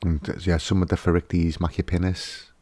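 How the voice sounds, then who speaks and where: A man's voice: deep voice, little pitch movement, moderate pace, dark tone, dry recording. A man hosting a fishkeeping channel, giving a casual, hesitant voice-over with lots of fillers and restarts.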